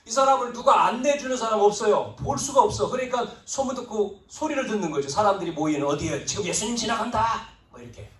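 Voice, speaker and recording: A male pastor preaching a sermon, swinging between loud emphatic lines and hushed asides, acting out biblical figures in quoted speech. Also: high-pitched, animated, fast talker, few pauses. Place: church sanctuary. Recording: roomy, distant church recording.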